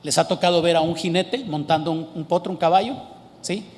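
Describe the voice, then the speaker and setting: A man's voice: fairly high pitch, a little fast, darkish tone. A man preaching a sermon with emphasis, asking the congregation questions and answering them himself. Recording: long hall reverb.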